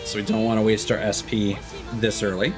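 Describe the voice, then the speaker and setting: Brisk and level in tone, a fairly low-pitched male voice delivers casual, wandering play-by-play as he reasons aloud through a video game, with game music behind him.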